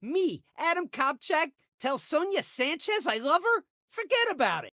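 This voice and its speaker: Goofy lovesick bodyguard for a game, high voice, swings all over the place. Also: male voice, normal speed, no room sound, studio quality, heavily acted. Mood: awkward, chatty. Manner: excitable, awkward, hammy. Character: eager, lovesick, bumbling young male bodyguard. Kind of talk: animated video game character acting.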